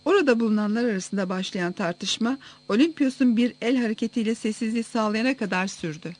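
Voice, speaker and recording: A narrator reads a first-person historical story aloud for an audiobook. The delivery is steady and even, with the plain pace of a careful reading. It sounds like a chapter being read straight through. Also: mid-range voice, fast talker.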